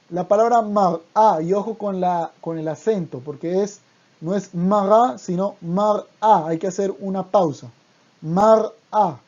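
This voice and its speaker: A Hebrew teacher giving an online language lesson, speaking deliberately and repeating each word twice. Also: medium pitch, dark tone, lo-fi sound.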